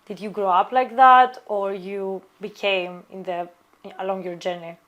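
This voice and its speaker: A woman hosting an interview, asking prepared-sounding questions in a measured way. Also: mid-range voice, steady tone, narrow, tinny audio. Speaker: interview host.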